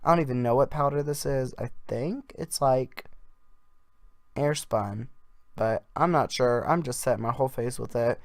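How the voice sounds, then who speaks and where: A man's voice: mid-range voice, normal speed, dry recording, clean studio sound. A man doing a casual improvised voiceover as a makeup vlogger, rambling in an offhand, jokey way.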